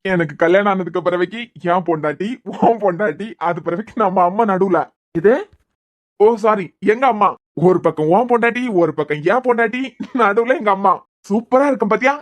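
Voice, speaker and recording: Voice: medium pitch, fairly quick, close to an everyday voice. A performer voicing a grumbling cartoon family man with a Kanyakumari Tamil accent, needling and bantering. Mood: teasing. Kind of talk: cartoon web series dialogue.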